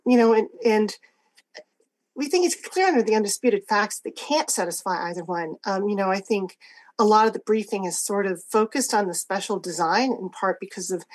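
A woman arguing as a lawyer in a formal appeal, assertive and emphatic, in measured phrases. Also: medium pitch. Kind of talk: formal oral argument. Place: remote court hearing.

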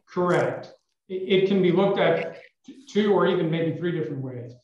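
A man addresses the judges in a measured, formal courtroom manner, his pitch sitting a little above the usual. His voice comes through hollow and heavily echoing, as if he were speaking from inside a well. The remote line is muffled and dull on top of that. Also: a little mellow, a little hiss or hum. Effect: hollow echo, as if speaking inside a well. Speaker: attorney arguing for the state. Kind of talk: appellate oral argument.

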